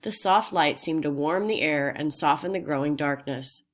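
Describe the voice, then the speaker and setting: A woman reading a children's novel aloud in a steady, unhurried storytelling voice. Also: low voice. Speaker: audiobook reader.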